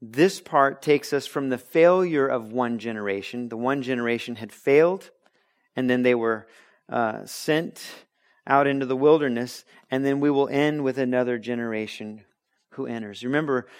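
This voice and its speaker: A man preaching a conversational sermon as he teaches through a Bible book, lively and fond of acting out quoted voices. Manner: lively, acts out quoted voices with big pitch jumps.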